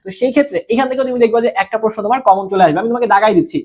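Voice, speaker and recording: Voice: medium pitch, very fast, darkish tone. A young adult teacher with a Bangladeshi Bengali accent gives a recorded exam-prep class. The teacher drills each word through repeated questions and answers and urges the students on in a familiar tone.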